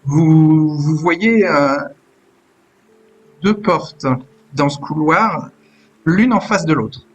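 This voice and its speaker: A man running a tabletop role-playing game as game master, describing scenes slowly with frequent hesitations. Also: on the high side, highs cut off, a little hiss or hum. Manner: descriptive, hesitant with many "euh"s.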